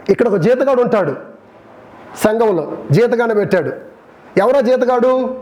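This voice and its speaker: High voiced guy preaching, storytelling, keeps asking the crowd questions. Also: warm tone. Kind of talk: sermon.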